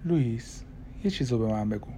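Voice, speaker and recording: A man's voice: medium pitch, lively intonation, dark tone, a little hiss or hum, lightly acted. A man voicing an anxious, tearful young wife in an audiobook, with fearful, pleading questions. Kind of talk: audiobook character voice.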